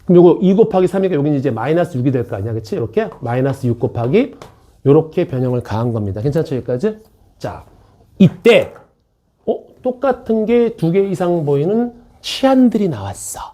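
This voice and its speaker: Lively husky man teaching math class. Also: a little high. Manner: joking, repeats key points, keeps checking in with students. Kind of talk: classroom lecture. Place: academy classroom.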